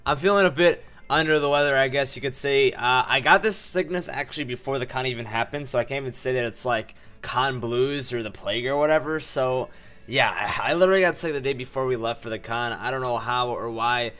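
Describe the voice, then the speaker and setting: A man's voice: medium pitch, a little fast, fairly bright tone, smooth. A young man with a sore throat and a cough, chatting casually through game commentary and rambling with many fillers. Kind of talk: casual let's-play commentary.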